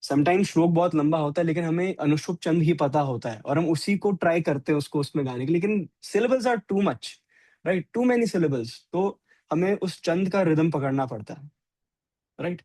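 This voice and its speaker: A man's voice: fairly high pitch, lively intonation, moderate pace, dark tone, no room sound. A man with an Indian accent teaching a scripture class, mixing Hindi and English and often asking "right?".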